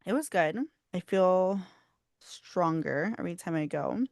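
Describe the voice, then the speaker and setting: A young woman co-hosting a casual podcast, telling animated stories, swearing freely and laughing often. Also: lowish voice, unhurried, gravelly, no echo, studio quality. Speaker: podcast co-host. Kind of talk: casual chat.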